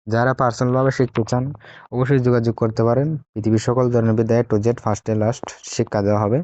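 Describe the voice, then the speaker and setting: A man's voice: medium pitch, little pitch movement, rapid-fire, darkish tone, dry recording, dull audio. A man talking casually to his video viewers as a self-styled tantric teacher, boastful and repetitive, like a salesman. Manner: boastful salesman tone, repeats phrases.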